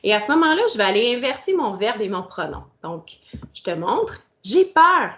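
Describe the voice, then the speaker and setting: A woman's voice: mid-range voice, sing-song, a little fast, dull audio. Patient teacher woman. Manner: patient, explaining step by step, speaking directly to the pupil. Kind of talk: recorded grammar lesson for children.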